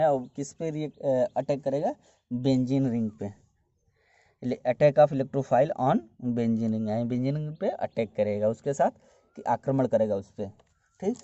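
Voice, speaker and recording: A man teaching a chemistry lesson, explaining each step slowly and repeating key terms as he goes. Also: medium pitch, dark tone, no echo. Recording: dull, dry lo-fi recording.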